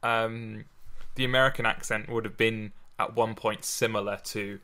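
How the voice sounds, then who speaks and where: A man's voice: on the low side, fairly even intonation, moderate pace, bright, forceful tone. A man co-hosting a casual chat about poetry, hesitant and repeating his words. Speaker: podcast co-host. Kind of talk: casual literary discussion.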